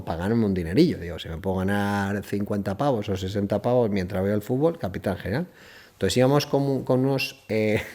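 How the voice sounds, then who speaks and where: A middle-aged man from Spain, telling casual stories and acting out dialogue as a podcast guest. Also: on the low side. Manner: lively anecdotes, acts out dialogue, laughs often. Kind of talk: casual storytelling.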